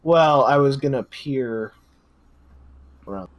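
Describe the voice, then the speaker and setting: A man's voice: medium pitch, expressive, slow. A man playing a tabletop game, talking in a casual, self-deprecating way with frequent swearing. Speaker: player.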